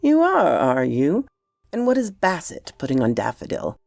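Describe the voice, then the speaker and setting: Storybook uncle, read by a woman: grown man, avuncular and teasing, indulgent, swooping pitch, some gravel. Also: huge pitch swings, moderate pace, a little mellow, no room sound, studio quality, faint music behind, heavily acted. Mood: amused, teasing.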